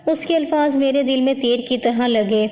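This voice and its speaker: A woman reading a scripted first-person story in a steady, solemn way. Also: high voice. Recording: long hall reverb.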